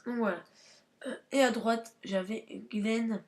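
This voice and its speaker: A woman's voice: on the high side, slow, slight background noise. A woman hosting a gaming channel, giving casual, slangy gameplay commentary with lots of fillers and restarts. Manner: hesitant, many fillers and restarts; slangy, chatty, addresses viewers as guys.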